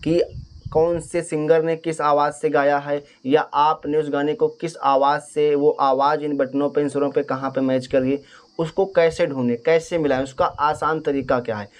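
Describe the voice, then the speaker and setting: A man's voice: on the high side, flat delivery, moderate pace. A man teaching harmonium in a casual spoken lesson, explaining step by step and singing short phrases to show each note. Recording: faint harmonium music behind. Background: harmonium playing.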